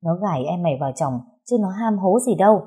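A woman voicing a sharp-tongued older mother who scornfully defends her son. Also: on the low side, animated, fast, breathy edge. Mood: defensive. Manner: scornful, quarrelsome.

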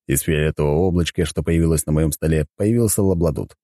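A man's voice: a bass voice, fast talker, dark tone, no echo. A man narrating an audiobook in first person in a wry, conversational way, close to the mic.

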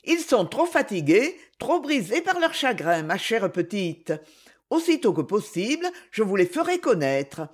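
A gentle, firm middle-aged governess, as a woman reads her in a storybook, her voice a little husky and lifting higher than the narration. She rises and falls with lively pitch. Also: a little slow.

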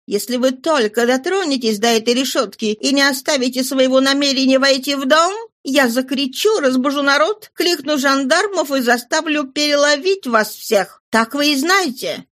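A woman's voice: high voice, expressive, normal speed, fairly bright tone, voice pushed up. A woman voicing a bold, stubborn young woman from a family of thieves in a read-aloud novel. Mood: defiant. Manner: defiant, stubborn.

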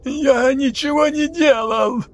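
A man's voice: high voice, moderate pace, soft background music, pitched above the performer's own voice, natural voice. A man voicing a cowardly young male officer, pleading and frantic. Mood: panicked.

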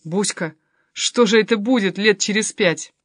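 A woman reading a story, voicing a brash, excitable adult male cousin. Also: medium pitch, measured pace, no echo, studio quality, lightly acted. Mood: excited. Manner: blunt, exclamatory, impatient.

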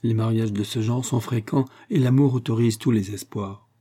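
A man's voice: mid-range voice, steady tone, normal speed, mellow, slightly rough, close to an everyday voice. A man voicing a clever, proud young woman in a read-aloud novel, speaking in a raised, earnest way.

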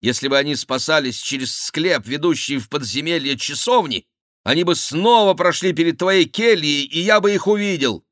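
A man's voice: a little high, moderate pace, fairly bright tone, no echo, studio quality, pitched above the performer's own voice, lightly acted. A man voicing an impatient, demanding thin male jester who questions sharply in an audiobook.

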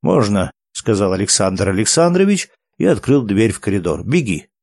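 A man narrating a story aloud in a calm, measured way. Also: lowish voice. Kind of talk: audiobook narration.

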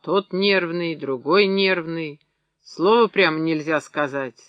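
A man reading the lines of a gruff, stout middle-aged woman who cleans a small clinic and scolds patients bluntly. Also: on the high side, slow, dry recording, highs cut off. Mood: grumbling.

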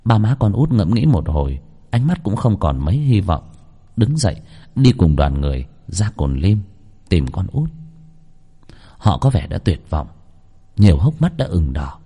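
A man narrating a ghost story in an expressive storytelling manner. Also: low-pitched, a little slow, long pauses, breathy edge.

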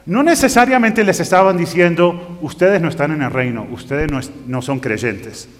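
A man's voice: a little high, moderate pace. A man preaching a sermon, reading scripture aloud and rising to emphatic bursts. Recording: long reverb of a hall.

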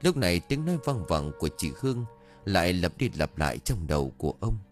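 A man's voice: low voice, sing-song, brisk, soft background music. A man narrating a horror audiobook in a dramatic, suspenseful way. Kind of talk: scripted horror story narration.

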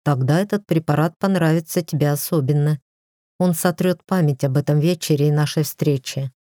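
A woman voicing a smooth, scheming male kidnapper in an audiobook, calm and persuasive. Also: sits low, a little fast, no room sound, clean studio sound, natural voice.

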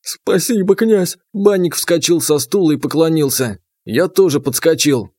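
A man's voice: fairly high pitch, lively intonation, moderate pace, a little mellow, no echo. A man narrating an audiobook in the first person, dry and sardonic.

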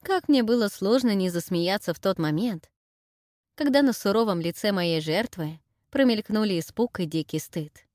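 Lively woman narrating an audiobook. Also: mid-range voice, moderate pace, no echo, studio quality. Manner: lively, expressive storytelling. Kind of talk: scripted first-person narration.

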